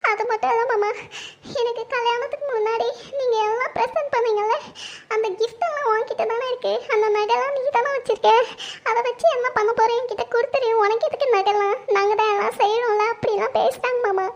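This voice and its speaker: A woman acting as a hurt young wife in a family drama, her voice pitched extremely high and pleading through tears. The recording sounds dull and lo-fi, with its highs muffled. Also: steady tone, a little fast. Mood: tearful. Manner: tearful, pleading.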